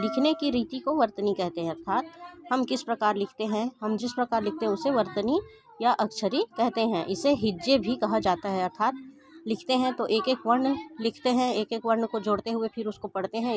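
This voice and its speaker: A woman teaching a grammar lesson, who states each point and then explains it again in simpler words, and reads word pairs slowly, one after another. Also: medium pitch, noisy background.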